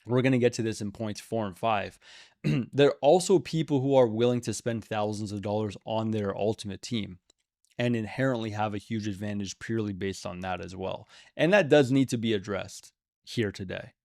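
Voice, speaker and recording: A man's voice: fairly low pitch, normal speed, vocal fry, a little mellow, no echo, clean studio sound. A man giving opinionated commentary to camera on a video game, emphatic and repeating words for stress. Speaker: gaming video creator.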